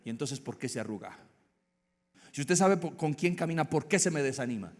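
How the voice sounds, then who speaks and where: A man preaching a dramatic sermon that swings from loud, urgent passages to hushed ones. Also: fairly high pitch, lively intonation, a little fast. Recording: echoey hall.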